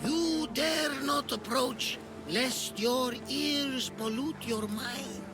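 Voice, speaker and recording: An actor playing a delirious, devoted old Greek sailor in a video game, telling of visions with dreamy drama. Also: male voice, extremely high pitch, very slow, creaky, music in the background, exaggerated voice. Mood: mystical, dramatic. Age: older.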